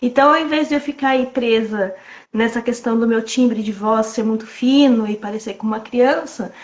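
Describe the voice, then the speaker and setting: A woman with a soft, childlike voice talking calmly about sales in a casual live chat over a video call. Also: fairly high pitch, normal speed, muffled recording. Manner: calm, reassuring, many fillers. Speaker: sales trainer.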